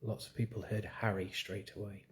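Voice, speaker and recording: A man's voice: fairly low pitch, level tone, a little fast. A man, calling out casually to a spirit in a cellar. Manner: casual and matey, talks to a child spirit. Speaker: paranormal investigator. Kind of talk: ghost hunt calling out to spirits. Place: pub cellar.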